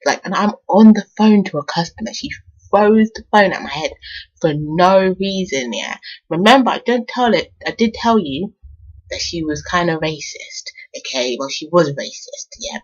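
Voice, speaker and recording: A woman's voice: fairly low pitch, lively intonation, normal speed, slightly rough. A woman telling a story from her own life in a casual vlog, laughing often and swearing freely. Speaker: vlogger. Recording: dull lo-fi sound.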